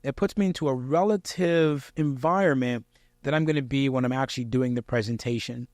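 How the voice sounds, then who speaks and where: A man giving instructional tips straight to the listener in a clear, projected presenter's delivery, conversational yet emphatic and encouraging. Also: mid-range voice, brisk, a little mellow, dry recording, clean studio sound. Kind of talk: conversational instructional talk to camera.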